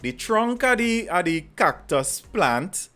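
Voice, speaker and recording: A man with a Trinidadian accent chatting casually and telling anecdotes in animated Creole, repeating phrases for emphasis. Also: high-pitched, takes it slowly, soft background music. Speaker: podcast host.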